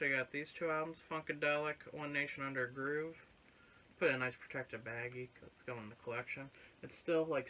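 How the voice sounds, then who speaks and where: Here the same young channel host chats casually about his flea market haul, his voice on the high side, bright and forceful, with the occasional swear word. Slight background noise comes through the fixed camera set at couch distance in his living room full of record shelves.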